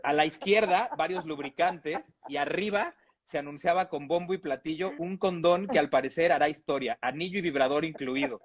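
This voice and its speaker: A man's voice: on the high side, moderate pace. Amused man reading a funny text. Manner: playful, amused delivery with chuckles. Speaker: reader. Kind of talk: reading a humorous text aloud. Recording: dull lo-fi audio.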